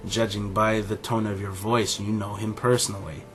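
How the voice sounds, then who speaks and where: Here the pompous, condescending middle-aged animal scientist and father of the audio drama speaks deliberately, voiced by a man with a fairly low pitch and flat delivery. The voice sounds natural, and soft music plays in the background.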